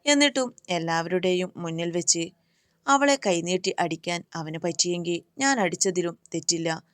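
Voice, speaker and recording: A woman reads a fearless young heroine in a storybook reading. Her words are firm and scolding. The voice sits low and sounds close and dry. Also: moderate pace, fairly bright tone, no echo, close to an everyday voice. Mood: indignant. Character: bold young woman who stands up to bullies.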